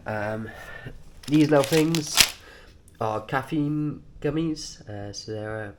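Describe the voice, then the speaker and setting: A man with a mid-range voice, nasal and congested from a cold, walks through his cycling kit in an informal vlog. He speaks haltingly in short, offhand phrases, against heavy background noise.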